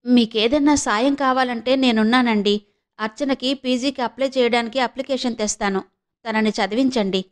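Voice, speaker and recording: A woman voicing an earnest young man who speaks hesitantly and pleads gently. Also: fairly high pitch, moderate pace, lightly acted. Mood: gentle.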